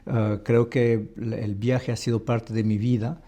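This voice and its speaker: A man from El Salvador, an ambassador, talking in an interview in a thoughtful, halting way with many restarts. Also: mid-range voice, little pitch movement, mellow. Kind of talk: conversational interview.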